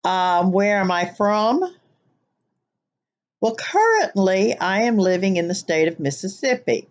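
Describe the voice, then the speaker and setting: Speaking a little slowly in a mid-range voice with big pitch swings, an older Midwestern woman rambles casually to her webcam from the living room couch. Her accent blends Southern US with a nasal Wisconsin twang. It's a casual accent tag video from a vlogger.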